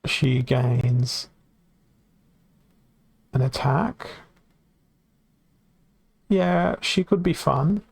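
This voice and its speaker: A male game streamer with a gravelly, fry-laden voice, worn from hours of talking. He thinks aloud at his desk microphone, wandering off and correcting himself. The sound is dry and close, with no room around it. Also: medium pitch, lively intonation, very slow, pauses often, no echo. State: voice getting worn from long talking. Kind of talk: casual game stream commentary.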